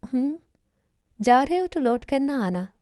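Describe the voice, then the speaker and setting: A calm, wise young woman, voiced by a woman in an amateur dubbed love story, speaking in poetic advice. Her tone is fairly high and mellow, and the sound is dry and close. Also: a little slow, no room sound. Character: young woman on a date, wise and self-sacrificing.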